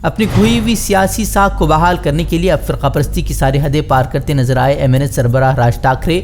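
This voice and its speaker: A man with a voice on the high side reads scripted speed news headlines as a presenter, his delivery brisk. News background music plays beneath him.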